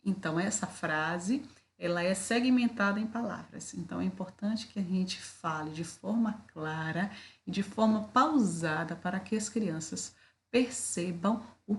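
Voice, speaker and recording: Slow-spoken woman teaching a video lesson. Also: fairly low pitch. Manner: slow, deliberate, with frequent fillers and rhetorical questions.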